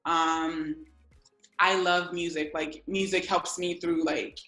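Bright-voiced young woman from Ghana. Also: lowish voice, slow. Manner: relaxed, many fillers. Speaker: interview guest, music publicist. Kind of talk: casual interview chat. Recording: echoey room with faint music.

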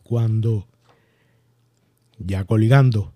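Dark-voiced Puerto Rican man recounting. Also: fairly low pitch, steady tone, no echo, clean studio sound. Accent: Puerto Rican Spanish. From Puerto Rico. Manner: halting, reflective, many restarts and fillers. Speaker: podcast host. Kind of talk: personal storytelling monologue.

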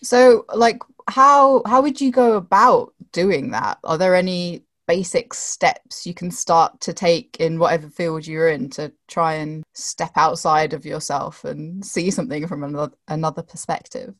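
A woman with a low voice hosts an interview and asks questions casually. The sound is dry and close, with no room echo. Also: a little slow, few pauses, a bit bright. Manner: chatty, laughs easily.

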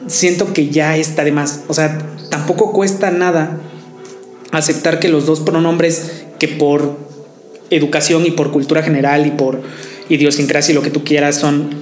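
A man's voice: fairly high pitch, flat delivery, moderate pace, darkish tone. A man in casual debate chat, co-hosting a podcast, hesitating and repeating words as he argues. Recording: roomy echo with faint music.

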